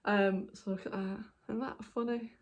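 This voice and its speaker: A knitting podcast host from the United Kingdom, hiccuping, chats in a casual show-and-tell vlog, wandering off topic with ums and apologies as she holds up her projects. Her mid-range voice keeps fairly even intonation at a moderate pace.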